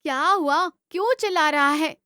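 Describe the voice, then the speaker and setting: A worried, loving cartoon mother, as a narrator puts her on, her voice raised high and anxious. The sound is dry and close. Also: moderate pace, bright, forceful tone, no room sound.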